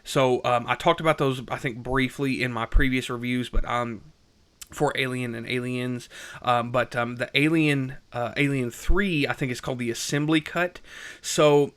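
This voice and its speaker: Young male reviewer, bright voice, loose chatty delivery with many ums and restarts. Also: medium pitch, fairly even intonation, moderate pace, smooth. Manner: rambling, lots of fillers and restarts. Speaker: film reviewer. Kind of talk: casual unscripted review.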